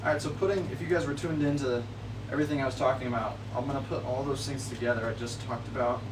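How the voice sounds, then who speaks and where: A man's voice: mid-range voice, fairly even intonation, quick pace, background noise. Laid-back twenty-something man, mic at a distance. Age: 20s. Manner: laid-back, friendly, calls viewers buddy and bro. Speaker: golf livestreamer. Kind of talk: casual livestream chat and golf tips. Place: backyard outdoors.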